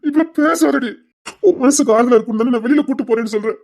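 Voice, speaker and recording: An actress voices a tender, devoted woman with a Tirunelveli Tamil accent, trying to calm a grieving loved one. She soothes her, pleads with her and repeats the same reassurances over and over. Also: a little high, rapid-fire, creaky. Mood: pleading, soothing. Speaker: close companion consoling a grieving woman. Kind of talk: emotional web drama acting.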